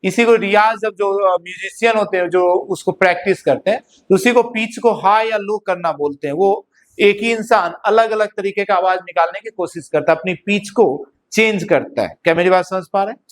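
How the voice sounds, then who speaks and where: A high-pitched man teaches a physics class, mixing Hindi and English with an Indian accent. In this classroom lecture he dictates notes slowly and keeps asking students whether they follow.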